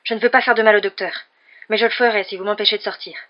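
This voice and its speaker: A reader, likely a woman, voicing a panicked, desperate young man holding a knife, talking loud and panicky, on a dull lo-fi recording. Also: medium pitch, fast, husky, natural voice. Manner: raised, panicky.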